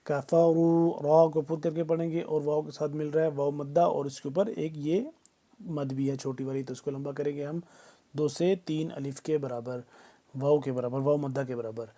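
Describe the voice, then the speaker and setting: A man gives a fast-moving tajweed lesson, running through pronunciation rules one after another in an instructive tone. His voice is pitched fairly high for a man, yet it sounds very dark and mellow. His delivery stays flat and even throughout. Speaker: Quran recitation teacher.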